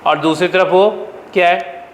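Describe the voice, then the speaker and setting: A man's voice: high voice, level tone, measured pace, reverberant, in a large hall, slight background noise, low-quality recording. A man teaching a math class, firing questions at his students and answering them himself, with an Indian accent. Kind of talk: classroom lecture.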